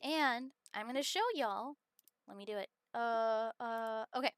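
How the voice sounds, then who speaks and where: Bright high-voiced chatty woman streamer. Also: measured pace, smooth, no echo, studio quality. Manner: rambling and chatty with many fillers; bursts into excited squealing greetings. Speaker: game streamer. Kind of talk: casual live-stream chat.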